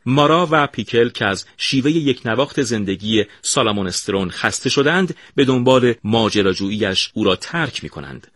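Man, narrator, audiobook reading, breathy, dry studio sound. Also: lowish voice, fairly bright tone, no room sound.

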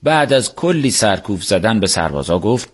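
A man narrating a book on the radio in a calm, measured storytelling manner. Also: fairly low pitch, breathy edge. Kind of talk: scripted narration.

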